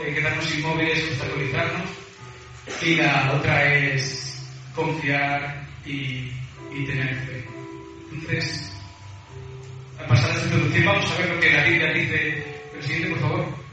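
A man's voice: a little high, fairly even intonation, unhurried, pauses often, bright, forceful tone, highs cut off, soft background music. A man from preaching a sermon to a congregation, reading scripture aloud with hesitant fillers between phrases. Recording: very echoey hall from far off.

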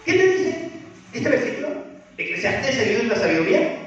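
A man's voice: extremely high pitch, big pitch swings, fairly quick, a bit bright. A man preaching a sermon, asking the congregation rhetorical questions. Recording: echoey, distant, dull church sound with faint music.

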